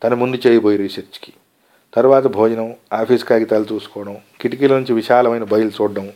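A man narrating a short story aloud in a calm, measured storytelling manner. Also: on the low side. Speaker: story reader.

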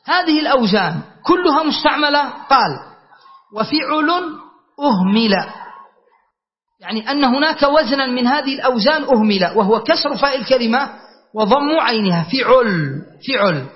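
High-voiced man teaching grammar. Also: lively intonation. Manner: recites verse slowly, then explains and quizzes students. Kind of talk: classroom lesson explaining verses. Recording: dull lo-fi recording.

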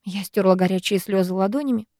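A woman reading a first-person novel aloud, expressive and measured. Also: mid-range voice, dry recording, studio quality. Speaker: audiobook reader.

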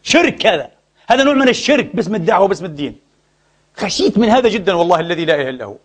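Man, middle-aged, sermon, high voice, quick delivery, rhetorical questions. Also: big pitch swings. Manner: passionate, rhetorical questions, shifts between loud and hushed. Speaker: preacher.

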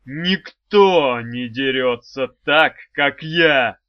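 A man voicing a proud, quick-tempered swordsman of darkness in an audiobook, slow and booming. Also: no echo, dull audio, lightly acted. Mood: furious. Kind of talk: audiobook character voice.

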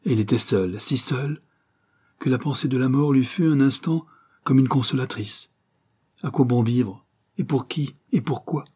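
A man reading a literary story aloud in an expressive, dramatic way. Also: medium pitch, normal speed, husky. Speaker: audiobook narrator.

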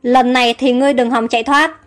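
A woman's voice: sits high, steady tone, quick pace, soft background music, natural voice. A woman reading the part of a bitter, vengeful male sea monster who growls his hateful threats, within a storybook audio tale.

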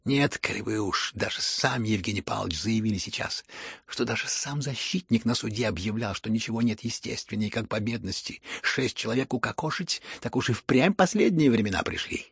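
A man reading a furious, hysterical elderly noblewoman who scolds everyone around her, in shrill raised bursts. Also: brisk, gravelly, husky, no room sound, clean studio sound, heavily acted. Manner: shrill scolding outbursts, rising to shouts.

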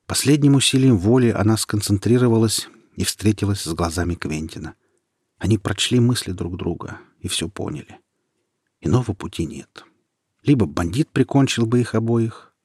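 A man reading an audiobook in a measured, even narration. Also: low voice, husky, no room sound, clean studio sound. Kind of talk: scripted narration.

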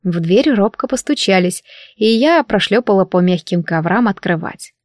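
A woman reading a first-person audiobook in an expressive way, with sardonic asides. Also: mid-range voice, moderate pace, dry recording, studio quality. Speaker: audiobook narrator.

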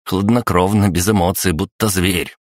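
A man's voice: deep voice, fairly even intonation, moderate pace, dry recording, pitched above the performer's own voice. Guy doing a grave nervy young man, slightly raised voice, dry.

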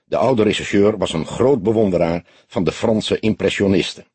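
Husky low-voiced male storyteller. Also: moderate pace, darkish tone, dry recording. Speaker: audiobook narrator. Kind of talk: scripted narration.

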